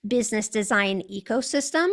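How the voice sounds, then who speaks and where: A woman's voice: medium pitch, expressive, moderate pace. A woman with an American accent, a guest telling her story in an interview, articulate and reflective.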